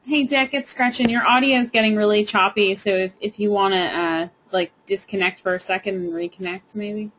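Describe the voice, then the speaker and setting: A woman's voice: medium pitch, fairly even intonation, fairly quick, hardly any pauses, fairly bright tone, a little hiss or hum, low-quality recording. A woman speaking over an online group call, offering a tentative suggestion. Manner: helpful, tentative. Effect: voice heard over an online group call.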